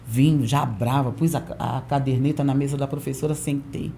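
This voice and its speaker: A woman pastor in her forties, a podcast guest telling a lively testimony and acting out the voices of people in it. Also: a bass voice, normal speed, creaky, slight background noise. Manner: lively storyteller who acts out quoted voices. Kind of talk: storytelling testimony in a podcast interview.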